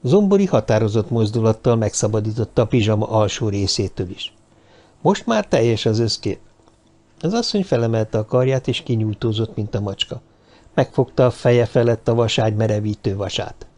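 A man calmly narrating a novel as an audiobook reader. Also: fairly low pitch. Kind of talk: scripted narration.

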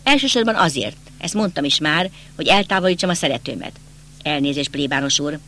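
A man's voice: a little high, animated, pushed and bright. A man voicing a bitter, agitated young nobleman in an audiobook, speaking insistently and accusingly. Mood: tense. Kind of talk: audiobook character reading.

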